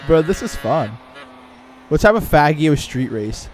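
A young man chatting casually while gaming with a friend, excitable and full of frat-bro slang. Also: a little high, a little slow. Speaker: gamer. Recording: clear background noise, game engine sounds.

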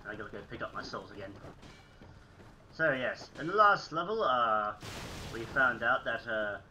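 With big pitch swings at medium pitch, a young gaming host talks casually over his gameplay at a moderate pace and in a sharp tone. His voice sounds slightly phlegmy, as if he's ill, and a little hiss or hum sits under it. Recording in a small room at home, he's chatty, self-mocking and often clears his throat.

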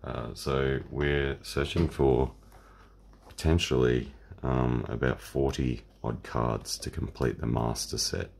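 An Australian man hosting a casual card-opening video, talking in a relaxed, rambling way through a croaky voice. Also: rumbling low, takes it slowly. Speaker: channel host. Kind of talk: casual unboxing chat.

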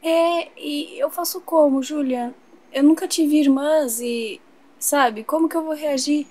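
A woman's voice: sits high, a little slow, darkish tone. A woman voicing a young toy boy who is nervous about trading places with a lookalike friend. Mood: curious. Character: toy boy swapping homes with his lookalike. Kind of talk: toy play-acting.

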